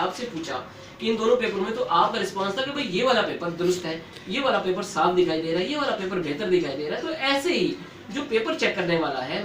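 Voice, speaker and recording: A man's voice: high voice, fairly bright tone, echoey room, recorded from a distance, slight background noise, poor audio. A male teacher giving earnest, fatherly advice to students on how to write exam papers. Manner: earnest, fatherly, ends with blessings.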